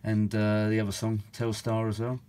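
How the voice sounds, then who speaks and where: Working on vintage audio repairs for videos he presents himself, a British man rambles casually in a grumbling, world-weary, mildly sweary way. His lowish voice is monotone, mellow, clear and resonant, at a moderate pace.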